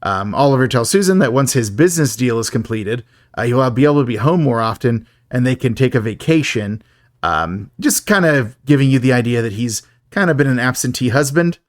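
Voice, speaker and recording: A man's voice: medium pitch, expressive, fairly quick, no room sound, studio quality. A man co-hosting a podcast, recapping a film in a chatty, joking way and laughing often. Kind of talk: casual chat.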